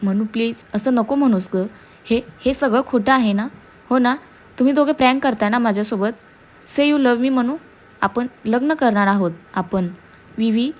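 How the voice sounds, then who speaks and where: A woman's voice: a little high, normal speed, darkish tone, lightly acted. A woman voicing a betrayed young man who pleads in a shaken voice and then rages. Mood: pleading.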